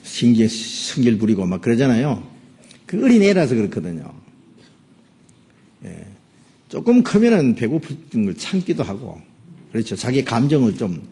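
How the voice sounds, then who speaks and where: A man's voice: medium pitch, creaky, warm tone, breathy edge. A middle-aged man preaching a sermon as pastor, often checking in with his listeners with "eh?" and "right?". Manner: frequent "예?" and "응?" prompts to the listeners; acts out Moses' angry words in a raised voice.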